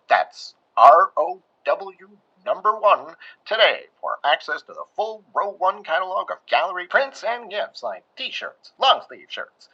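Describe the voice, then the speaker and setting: A man voicing a theatrical old-time radio announcer with a booming delivery. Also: bright, forceful tone, breathy edge, exaggerated voice. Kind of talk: 1940s radio acting. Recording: dull lo-fi sound.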